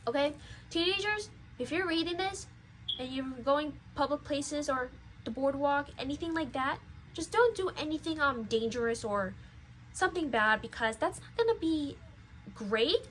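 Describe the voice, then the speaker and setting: A woman's voice: high-pitched, lively intonation, moderate pace, a bit bright, poor audio. A nineteen-year-old woman talking casually to her viewers in a rambling, lecturing way, with many fillers and restarts. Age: young adult. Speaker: vlogger. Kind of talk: casual chat.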